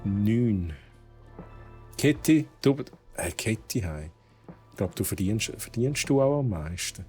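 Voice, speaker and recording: Speaking slowly but with animation, this Swiss German-accented streamer narrates his gameplay casually, musing out loud and throwing in English exclamations. His tone sits on the low side, a little mellow, over faint background music.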